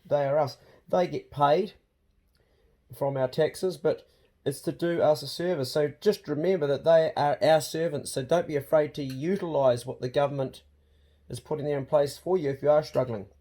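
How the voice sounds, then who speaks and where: A man's voice: on the high side, normal speed, dark tone. A man with a broad New Zealand accent chatting casually to his vlog viewers in a plain-spoken, colloquial way. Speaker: vlog host.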